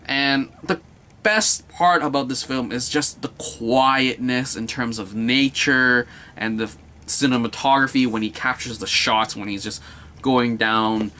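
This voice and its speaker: A man's voice: medium pitch, steady tone, unhurried, bright, forceful tone. A young man giving a casual, enthusiastic movie review, rambling and repeating himself with many filler words.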